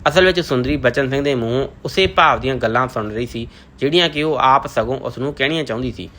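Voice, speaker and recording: Guy reading a novel aloud, steady and measured, bright tone. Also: mid-range voice. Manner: measured, literary narration. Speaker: audiobook narrator.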